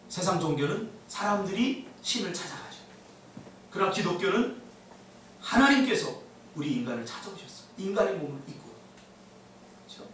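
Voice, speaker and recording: A man preaching a sermon as a pastor, animated, acting out the voices he quotes. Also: a little high, a little hiss or hum. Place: church sanctuary. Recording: echoey church hall, mic at a distance.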